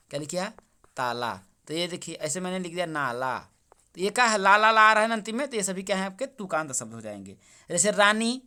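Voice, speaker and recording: A man's voice: high voice, sharp tone. A young man solving an exam paper as a teacher, asking each question back to his listeners and repeating the answer. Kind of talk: exam paper solution lesson.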